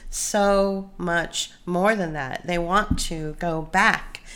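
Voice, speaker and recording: A woman's voice: fairly low pitch, slow, fairly bright tone. A woman hosting a casual podcast, steering the talk and stating her views with emphasis. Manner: emphatic, opinionated. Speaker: host.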